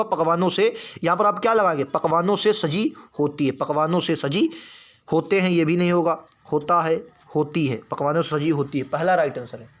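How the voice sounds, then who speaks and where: A man's voice: high voice, a bit bright. A man teaching an online exam-prep lesson. He talks in a chummy way, repeats each answer and keeps quizzing his students with rhetorical questions. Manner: chummy, calls viewers friends and brother.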